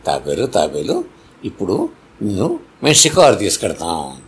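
A man voicing a pair of friendly, helpful swans in a children's story, in a creaky, husky voice with a reassuring, coaxing way of talking. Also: sits low, wildly swooping pitch, normal speed, full character voice.

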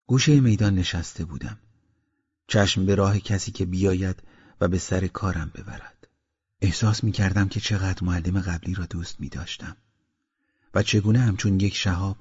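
A man reading a story aloud as an audiobook narrator, in a measured, reflective way. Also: deep voice, darkish tone, breathy edge, highs cut off.

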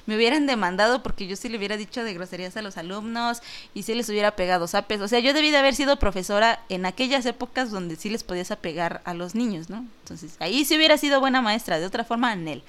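A woman's voice: medium pitch, lively intonation, fairly quick, a bit bright. A woman with a Mexican accent hosting an online talk show, chatting casually and jokingly as she reads out listener comments. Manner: chatty and joking, lots of fillers and laughter.

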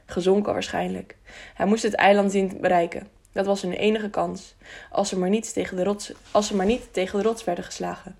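Woman narrating an audiobook, gravelly. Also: mid-range voice, fairly even intonation, fairly quick, a little mellow.

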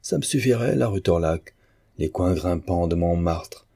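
A man's voice: low-pitched, animated, unhurried, vocal fry, dark tone, husky, no echo, clean studio sound, full character voice. A man voicing a bitter, mocking male painter in an audiobook of a novel. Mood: scornful. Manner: sneering, sarcastic.

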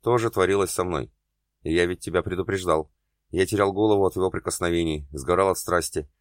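A man's voice: deep voice, brisk, no room sound, clean studio sound, close to an everyday voice. A man voicing an adult man who is hurt and jealous but still loves his partner, speaking bitterly and pleadingly in an audiobook. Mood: tender.

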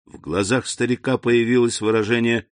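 A man narrating a classic novel as an audiobook in a measured, even manner. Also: medium pitch, no room sound, studio quality. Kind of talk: audiobook reading.

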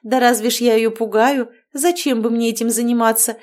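A woman's voice: on the high side, steady tone, a little fast, darkish tone, close to an everyday voice. A woman voicing a middle-aged witch, an overbearing future mother-in-law who gushes and talks over everyone. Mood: gushing. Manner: effusive and bubbly, steamrolling over others.

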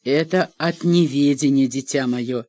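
A woman voicing a kindly, gently ironic middle-aged priest in an audiobook. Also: extremely low pitch, unhurried, no echo. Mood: gentle.

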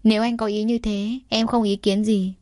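A woman voicing a calm, resolute young woman. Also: medium pitch, moderate pace, dry recording, clean studio sound, natural voice. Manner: calm and direct.

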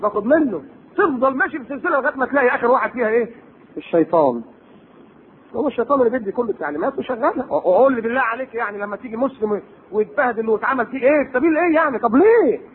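A man speaking with an Egyptian accent preaches a religious lecture at a racing pace, his very high voice animated throughout. Rhetorical questions and sarcastic remarks run through it, and the tinny lo-fi tape carries slight background noise.

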